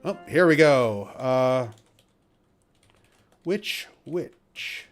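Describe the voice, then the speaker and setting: A man's voice: medium pitch, animated, drawn-out words, faint music behind. A man hosting a casual game playthrough, reading the game text aloud, with loose fillers and the odd mild swear. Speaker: let's play host. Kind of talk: casual gameplay commentary.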